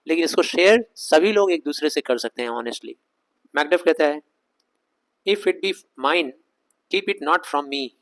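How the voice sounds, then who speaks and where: A man teaching a Shakespeare scene line by line, reading the English slowly in an Indian accent and explaining it in conversational Hindi with rhetorical questions. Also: fairly high pitch, a bit bright, rough recording. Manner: reads English lines slowly, explains them fast in Hindi.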